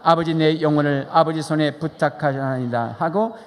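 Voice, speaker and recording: A man's voice: on the high side, normal speed. A man preaching as pastor, praying fervently and leading the congregation through questions and repeated phrases. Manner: fervent, repetitive, leads congregation in loud calls. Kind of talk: sermon with fervent prayer and call-and-response. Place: large church sanctuary. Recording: live church hall reverb with music.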